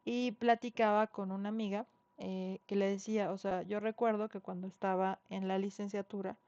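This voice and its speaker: Speaking at normal speed with a medium-pitched, warm but flat delivery, a middle-aged Mexican Spanish speaker from Xochimilco, Mexico City, lectures a university class online. She's conversational, peppering her talk with fillers and tag questions. There's no room sound, and the audio is dull and dry.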